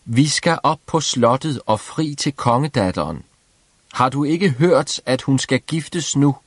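A man's voice: medium pitch, no echo, clean studio sound, pitched above the performer's own voice, close to an everyday voice. A man voicing two smug older brothers who mock their simple younger brother. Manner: scornful, mocking.

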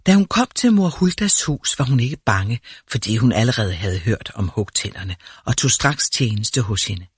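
A man narrating a fairy tale in a calm, measured storytelling manner. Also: mid-range voice, slightly rough, no echo, clean studio sound.

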